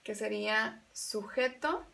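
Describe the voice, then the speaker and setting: Gravelly-voiced woman teaching grammar. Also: medium pitch, measured pace, sharp tone, slight background noise. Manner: patient, explains step by step, repeats examples; switches between Spanish and English. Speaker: English teacher. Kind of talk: bilingual grammar lesson.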